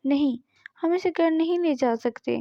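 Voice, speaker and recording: A woman's voice: high voice, dry recording, dull audio. A woman voicing a stern, protective young husband who gives firm, scolding commands.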